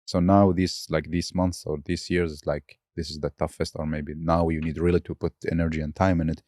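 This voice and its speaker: Deep, dark-voiced male podcast host. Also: flat delivery, a little fast, dry recording, studio quality. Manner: searching for words, laughs often. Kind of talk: casual interview chat.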